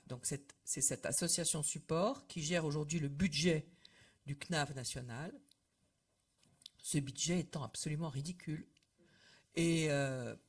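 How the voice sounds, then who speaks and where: An older woman addressing association members in a casual, conversational way, with many fillers and trailing phrase ends. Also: low voice. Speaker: association representative. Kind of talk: informal talk to members. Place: meeting room with audience.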